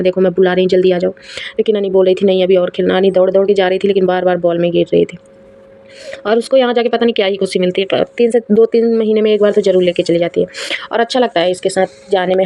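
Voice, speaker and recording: A woman's voice: lowish voice, mellow. A young woman, a mother, narrating a family outing in a chatty, amused vlog voice-over that keeps addressing viewers as guys. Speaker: vlogger.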